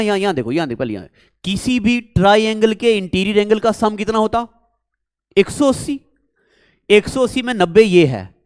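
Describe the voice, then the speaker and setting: High-voiced coaxing maths teacher man. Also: smooth, no echo, clean studio sound. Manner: coaxing, repeats words, asks students questions. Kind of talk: classroom maths lecture. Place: classroom.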